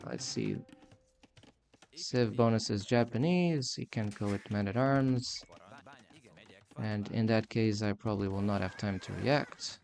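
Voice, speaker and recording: Man, lowish voice, sarcastic, complaining, live gameplay stream. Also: lively intonation, unhurried, vocal fry, pauses often, darkish tone.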